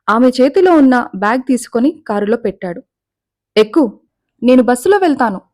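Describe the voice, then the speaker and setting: A woman storyteller reading a scripted love story in a calm, measured way. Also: on the high side.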